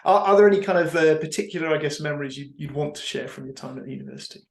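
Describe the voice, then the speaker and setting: A man's voice: a little high, very fast, gravelly. A man hosting an interview podcast, introducing the show and putting questions to his guest. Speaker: podcast host, university careers consultant.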